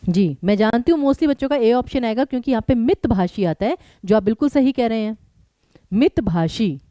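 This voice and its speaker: Lively woman teacher, dry close sound. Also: fairly high pitch, moderate pace, dry recording. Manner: animated, addresses students directly. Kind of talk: live online exam-prep class.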